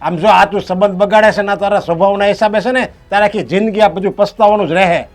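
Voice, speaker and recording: Brief: male actor as an older uncle, scolding, high-voiced, faint music. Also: steady tone, quick pace, natural voice. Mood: lecturing. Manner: scolding, lecturing. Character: exasperated older father figure, scolding and pleading.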